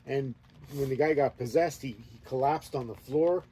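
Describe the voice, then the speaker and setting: A man's voice: medium pitch, normal speed, mellow, slightly rough, poor audio. A man telling a meandering story in a laid-back, casual way. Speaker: host. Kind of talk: casual chat. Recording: faint background noise.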